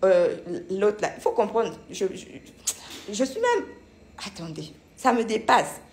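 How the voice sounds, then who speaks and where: A young woman vlogging from home, telling a story in an animated, indignant way and often repeating herself. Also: mid-range voice, unhurried, gravelly. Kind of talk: casual storytelling vlog.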